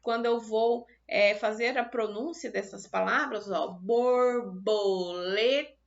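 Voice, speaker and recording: A woman teacher with a Brazilian Portuguese accent giving a recorded lesson to children, slowly stretching out the syllables of example words. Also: fairly high pitch, steady tone, vocal fry, dull audio.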